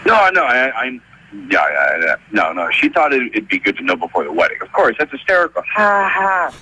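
A drunk man leaving a rambling, halting answering machine voicemail, played back over the air. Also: medium pitch, huge pitch swings, sharp tone, a little hiss or hum, rough recording. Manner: rambling, halting, full of fillers. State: drunk, slurring. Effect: answering machine voicemail playback.

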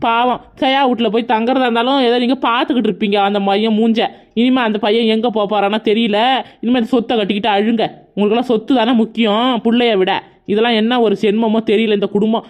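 Woman voicing a sharp-tongued gossiping neighbor. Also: a little high, lightly acted. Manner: mocking, gossipy.

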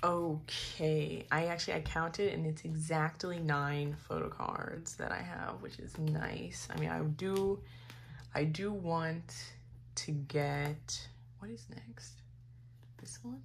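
Low, gravelly-voiced woman chatting slowly. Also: steady tone, a little hiss or hum. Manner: rambling, giggly, full of "like" and restarts; drifts into soft mutters while sorting cards. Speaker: K-pop photocard collector vlogger. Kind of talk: casual chatty vlog.

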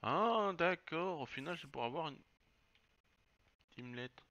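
Male let's-player, casual and sweary, bright tone, unhurried delivery. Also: on the high side, lively intonation, lo-fi sound. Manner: chatty, swears, muses aloud while playing. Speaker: let's play gamer. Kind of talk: casual game commentary.

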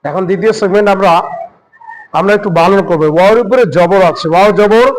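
A man's voice: high voice, steady tone, fast, slight background noise, rough recording. A man teaching Quran recitation, patiently spelling out letters and sounds one by one. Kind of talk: slow step-by-step recitation lesson.

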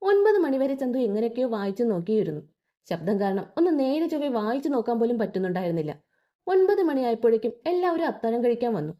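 A woman's voice: fairly high pitch, big pitch swings, fast, warm tone. A woman narrating a story expressively and voicing all the characters herself.

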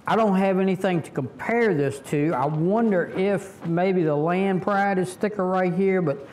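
A man's voice: sits high, a little slow, darkish tone, a little hiss or hum. A middle-aged man from Virginia with a Southern accent, rambling in a casual how-to vlog with lots of fillers, kneeling by a tractor outdoors and picked up by a camera a few meters off. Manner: rambling, folksy, many fillers and restarts. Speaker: tractor vlogger. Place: outdoors under a fabric shelter, kneeling by a tractor.

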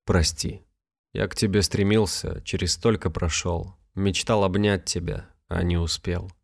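A grieving young husband, curt and bewildered, voiced by a man in a very low register. His lines come short and clipped in a storybook reading. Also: steady tone, measured pace, gravelly, husky, heavily acted.

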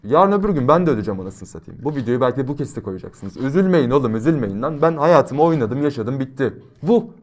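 A young man commentating his gameplay, brash and slangy, switching between loud outbursts and quiet, reflective motivational talk. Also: mid-range voice, expressive, quick pace, hardly any pauses. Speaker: gaming YouTuber.

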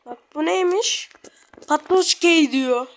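A woman giving slangy, excitable running commentary while playing a game. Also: very high-pitched, takes it slowly. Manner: excitable, slangy, blurting reactions. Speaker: gamer. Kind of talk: casual gameplay commentary. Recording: loud background noise.

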